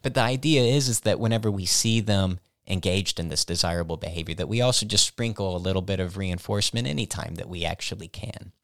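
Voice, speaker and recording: Male co-host, dog trainer; deeper voice, keen and chatty, dry sound. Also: fast talker, few pauses, no room sound. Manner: enthusiastic, lively storytelling. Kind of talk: casual explanatory chat.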